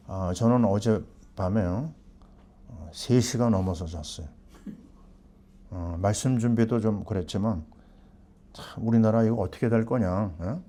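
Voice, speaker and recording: A man's voice: fairly low pitch, mellow. A middle-aged man preaching a sermon as pastor, asking the congregation questions and answering them himself.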